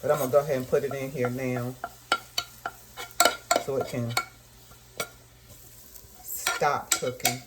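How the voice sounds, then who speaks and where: A woman's voice: rumbling low, flat delivery, unhurried, long pauses, very noisy. A woman, chatting with viewers in a casual home cooking vlog and thinking aloud as she cooks. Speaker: home cook vlogger. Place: home kitchen. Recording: home kitchen audio with loud frying sizzle. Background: frying and sizzling in a pan.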